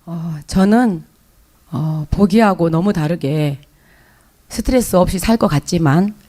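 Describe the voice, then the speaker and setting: With a fairly low, mellow voice at a measured pace, a woman speaking with a Jeolla Korean accent gives her church testimony to the congregation. It's emotional and confessional, interrupted by hesitant fillers and restarts.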